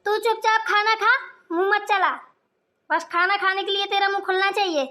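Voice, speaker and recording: A woman voicing an angry, proud old village mother-in-law in a Hindi cartoon, scolding her sons in a sharp-tongued way. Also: extremely high pitch, fairly even intonation, moderate pace.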